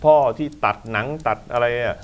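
A man at a TV studio desk holds forth on football, emphatic and lecturing, drifting into long asides. His voice sits at an ordinary middle pitch, and he sounds like a seasoned talk show host. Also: moderate pace, smooth.

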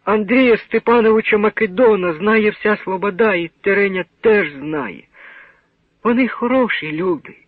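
A man voicing a gentle middle-aged nun who quietly and earnestly pleads, in a dramatic radio reading. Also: sits high, moderate pace, vocal fry, no echo, voice pushed up. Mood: pleading. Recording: narrow old radio broadcast sound.

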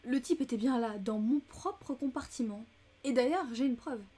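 A woman's voice: high-pitched, moderate pace, warm tone, husky. A woman reading an audiobook, voicing a talkative, fussy and easily upset older American lady who chats and protests with indignation. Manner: chatty and indignant.

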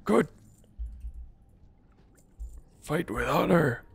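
A man voicing a crude, combative old madman adventurer in a gravelly, raspy voice, muttering and rambling in a game role-play. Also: fairly high pitch, expressive, a little slow, no room sound, full character voice. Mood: gruff, eager.

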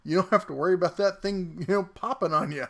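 Brief: joking male tool reviewer, slightly high voice, chatty garage demo delivery. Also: quick pace, gravelly. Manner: wisecracking, talks while working. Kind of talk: casual product review. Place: home workshop garage.

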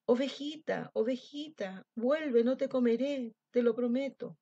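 A woman's voice: lively intonation, measured pace, husky, dry recording, dull audio. A woman voicing a hungry old male wolf in a storybook read-aloud, exclaiming and pleading in a raised voice. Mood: fretful. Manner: exclaiming, pleading, louder and higher. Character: old hungry male wolf, grumbling but soft-hearted.

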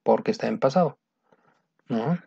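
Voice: medium pitch, animated, moderate pace, gravelly, warm tone, slightly rough. Patient teacher, muffled recording. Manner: patient, repetitive, keeps checking understanding. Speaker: English teacher. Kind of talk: recorded grammar lesson.

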